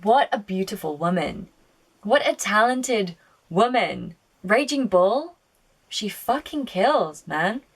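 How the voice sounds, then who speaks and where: A woman's voice: medium pitch, lively intonation, slow pace, husky. A woman giving casual video-essay film commentary, chatty, opinionated and prone to swearing. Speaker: film reviewer.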